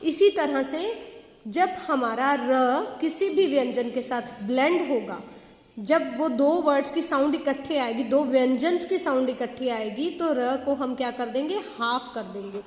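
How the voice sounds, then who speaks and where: A woman's voice: sits high, animated, measured pace. A woman teaching a grammar lesson, explaining patiently with repeated questions, mixing phrases into her talk and stretching out example words. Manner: mixes English phrases into Hindi. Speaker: school teacher. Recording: echoey room with long reverb.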